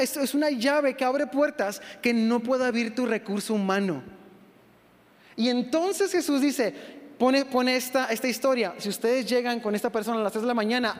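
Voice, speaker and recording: A pastor in his thirties with a Mexican Spanish accent preaches in a very high voice. He delivers a lively sermon, acting out voices with humor. His words ring out with a long reverb, as if in a church hall.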